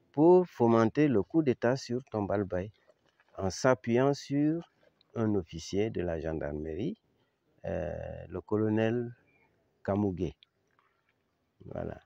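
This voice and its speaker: An older man with a Chadian accent giving an informal historical account, halting and searching for words, yet emphatic with the listener. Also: on the low side, creaky, mellow, dry recording, lo-fi sound. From Chad. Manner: halting, with repeated words and long searching pauses. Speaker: eyewitness commentator on history.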